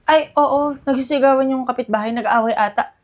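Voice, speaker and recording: A woman's voice: high-pitched, brisk, background noise, lightly acted. A woman acting as a cheeky young schoolgirl who talks back to her mother politely in a comedy skit.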